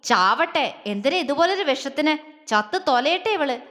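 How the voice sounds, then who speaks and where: A woman's voice: sits high, expressive, normal speed. A woman voicing a furious, possessive young man who turns tender with his beloved, in a Malayalam audio story. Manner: threatening, harsh then softly soothing. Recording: long hall reverb.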